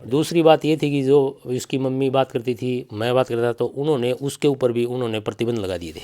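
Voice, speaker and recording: A middle-aged father in mourning, speaking with a Haryanvi accent, gives an insistent interview account full of repetition and reported speech. His mellow, mid-range voice moves a little fast.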